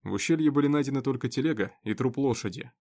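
A man's voice: medium pitch, fast talker, a little mellow, natural voice. Storybook deputy, a man doing it: sensible, urgent, pleading. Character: level-headed male deputy.

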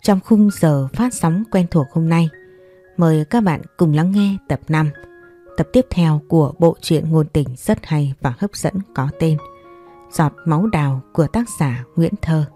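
A woman hosting a story channel, reading a romance novel in a calm, even narrating voice. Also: sits low, unhurried, soft background music. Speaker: audiobook narrator and channel host.

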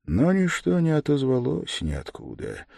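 Lively male audiobook reader. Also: vocal fry, dry recording, studio quality. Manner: measured, dropping low and quiet on reflective lines. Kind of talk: scripted narration.

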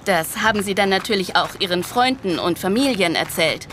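Speaking a little fast, a woman with a mid-range, expressive, somewhat bright natural voice portrays a friendly Nigerian nun who works for peace and worries for others. It's interactive audio drama dialogue, delivered conversationally with slight hesitation, over faint background noise.

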